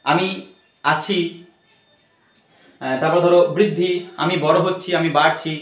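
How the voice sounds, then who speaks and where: A man with a slightly high voice teaches a grammar lesson online. He explains patiently, step by step, and keeps asking his students questions to check they follow. The sound is roomy and echoey. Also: fairly even intonation, a little slow.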